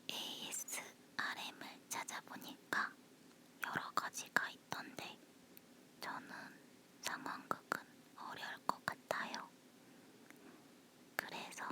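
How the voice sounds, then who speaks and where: Woman, leaning in to whisper, breathy and unvoiced, unhurried, casual ASMR chat, close phone recording. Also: pushed and bright.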